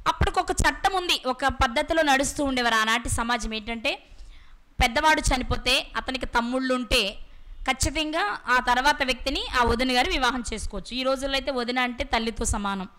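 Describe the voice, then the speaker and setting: Bright high-voiced woman preaching. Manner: asks the audience questions and answers them herself; slows down to stress words and scripture. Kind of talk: Bible sermon.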